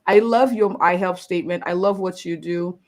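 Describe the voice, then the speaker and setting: A woman doctor hosts a live-streamed interview in a slightly low voice. She sounds upbeat and effusive and keeps repeating her praise. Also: moderate pace, darkish tone. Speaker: host, family physician.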